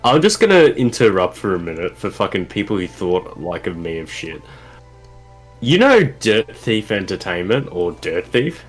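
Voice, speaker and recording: Brief: twenties guy streamer, low-ish voice, rambling and cursing. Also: very animated, normal speed, husky, soft background music. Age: 20s. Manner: swears a lot, rambling restarts. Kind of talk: casual chat while playing.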